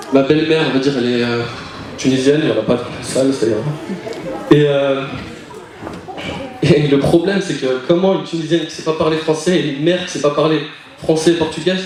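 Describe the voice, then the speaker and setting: A young man from France performing stand-up comedy, chatty and animated, now and then putting on character voices. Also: a little high, a little fast, long pauses. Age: young adult. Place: live comedy venue, audience. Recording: echoey hall, far mic, crowd laughing.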